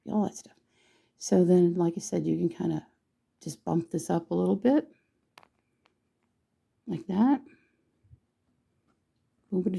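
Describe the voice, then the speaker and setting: A hoarse woman with a gravelly voice, chatting casually and teasing herself while she teaches a painting tutorial. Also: fairly low pitch, dark tone. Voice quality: gravelly, husky voice. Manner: chatty, self-deprecating, thinks aloud while painting.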